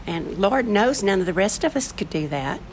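A woman's voice: mid-range voice, animated, moderate pace, a little mellow. An older grandmother, teasing bluntly in a casual family chat as a guest.

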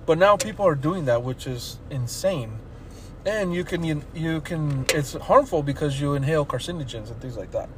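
A man's voice: fairly high pitch, lively intonation, normal speed. A man co-hosting a podcast, chatting casually and joking in a loose, rambling way. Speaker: podcast co-host. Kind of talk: casual chat. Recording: background noise.

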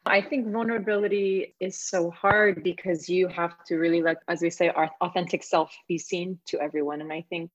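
A woman's voice: fairly low pitch, steady tone, moderate pace, few pauses, lo-fi sound. A woman guest reflecting thoughtfully and personally in a panel discussion.

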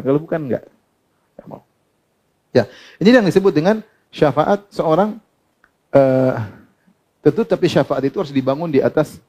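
Preaching a sermon in a mellow, slightly high voice, a middle-aged Islamic preacher quotes Arabic passages and renders them in translation. Laughter comes often between his points, and he repeatedly questions the audience before supplying the answers himself.

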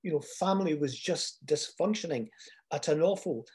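An older man Scotland, telling personal stories reflectively in a hesitant, pausing way. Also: on the high side, expressive, a little mellow.

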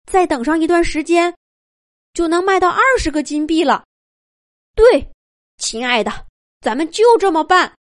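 A woman's voice: very high voice, moderate pace, long pauses, dry recording, clean studio sound, voice pushed up. A woman voicing a father mouse who talks himself into a risky plan in a children's story. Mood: eager. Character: anxious, scheming father mouse.

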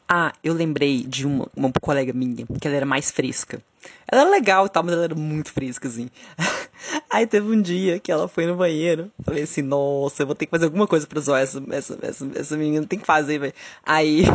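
A woman, hosting a podcast and telling funny stories in a lively, laughing way. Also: breathy edge. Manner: animated, laughing, acts out quotes in high squeals. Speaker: podcast host. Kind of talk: casual storytelling.

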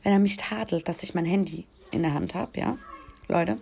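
A woman in her thirties rants bluntly and crudely as a podcast host. Her voice is gravelly with a husky edge. She talks in an exasperated comedic flow at a middle pitch. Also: moderate pace, a little mellow. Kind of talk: comedic monologue rant.

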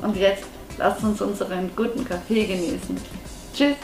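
A woman's voice: medium pitch, steady tone, moderate pace. A woman vlogger in an earnest, effusive chatty monologue addressed straight to the viewer. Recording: echoey room with faint music behind.

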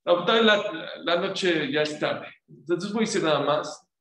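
A man giving a sermon as a rabbi, lively, firing rhetorical questions at his listeners. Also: fairly high pitch, a little slow. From Mexico. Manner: animated, rhetorical questions to the audience. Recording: echoey room.

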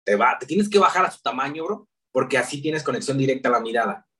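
A young man with a Mexican Spanish accent, a podcast guest telling stories in a slangy, animated way. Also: medium pitch, quick pace, recorded from a distance. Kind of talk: casual interview chat.

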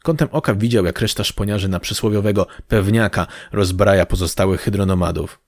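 A man narrating an action audiobook with a lowish voice. His storytelling is steady and even. The recording is dry and close. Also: brisk, dry recording.

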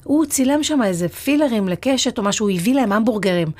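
A woman's voice: fairly high pitch, lively intonation, darkish tone. A middle-aged woman hosting a podcast, telling stories in an earnest, hesitant conversational way. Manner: earnest, storytelling with frequent hesitations. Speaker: podcast host.

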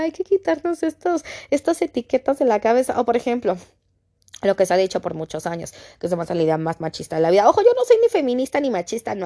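A young Mexican woman hosting a podcast, talking casually and acting out quoted voices with big jumps in pitch. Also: dark tone. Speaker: podcast host. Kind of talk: casual monologue.

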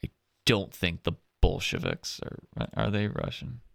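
A young man hosting a casual gaming podcast, chatting and running through plugs and shout-outs. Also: on the low side, a little slow, gravelly, dry recording, clean studio sound. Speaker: podcast host.

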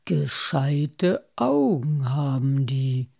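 A woman voicing a calm, thoughtful male gnome in a storybook reading, speaking low, slow and quiet. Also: vocal fry, full character voice. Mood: measured.

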